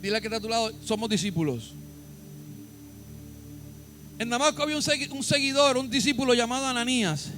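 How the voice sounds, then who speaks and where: A man's voice: very high-pitched, animated, quick pace, long pauses, fairly bright tone, soft background music. A Puerto Rican pastor preaching a sermon in church, emphatic, repeating his points and calling on the congregation to respond. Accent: Puerto Rican Spanish.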